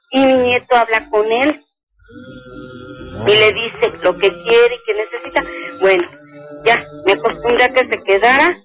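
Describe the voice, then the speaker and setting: A woman's voice: fairly high pitch, rough recording. Older woman telling a story. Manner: slow, earnest retelling that quotes each speaker. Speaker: caller. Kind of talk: telling a personal story on a call-in radio show.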